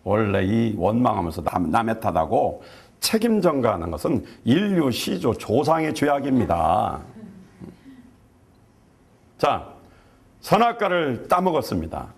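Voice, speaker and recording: A man's voice: medium pitch, big pitch swings, a little slow, pauses often, breathy edge. A middle-aged man preaching a sermon as a pastor, asking the congregation rhetorical questions and answering them himself.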